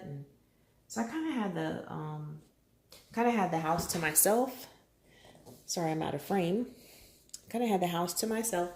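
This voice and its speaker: Chatty middle-aged woman, low gravelly voice. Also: reverberant. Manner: chatty, animated storytelling with laughs. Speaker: coloring channel host. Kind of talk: casual chat while coloring. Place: bedroom at home.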